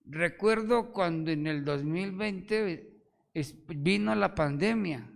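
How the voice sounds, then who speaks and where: A middle-aged Colombian pastor preaches with emphatic energy, throwing question after question at his church. His voice sits a little high for a man, and a long reverb from the hall trails behind every phrase. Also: slow, gravelly. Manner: animated, emphatic, full of rhetorical questions to the congregation. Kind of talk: sermon.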